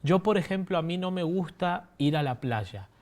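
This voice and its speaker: A man's voice: high-pitched, lively intonation, moderate pace, a little mellow. A man in his thirties with an Argentine accent, preaching a sermon and telling his own story in a conversational way, often asking the congregation questions. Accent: Argentine Spanish. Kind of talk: sermon with personal testimony.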